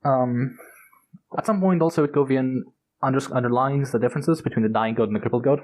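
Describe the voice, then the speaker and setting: A man's voice: mid-range voice, a little fast, a little mellow, low-quality recording. A man co-hosting a podcast, retelling book scenes in a casual, rambling and enthusiastic way, with lots of fillers and the odd swear word. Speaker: podcast co-host.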